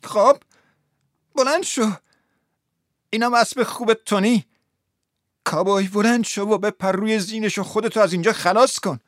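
A desperate young woman pleads with her lover in a high, strained falsetto, as a male storyteller puts her on. Her lines come as tearful exclamations in a dramatized story, recorded close and dry. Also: pauses often, no echo, close to an everyday voice. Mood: urgent.

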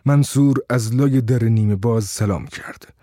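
Man reading a short story aloud, steady and mellow, dry close mic. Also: medium pitch, dry recording. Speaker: narrator. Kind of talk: scripted audiobook narration.

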